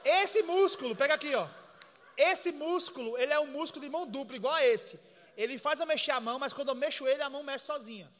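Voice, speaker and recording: A man preaching a lively sermon, animated and playful, demonstrating on people and mimicking laughter. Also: extremely high pitch, quick pace, long reverb tail.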